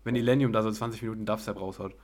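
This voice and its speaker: Young man, podcast co-host, casual chat, relaxed, lowish voice. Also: rapid-fire.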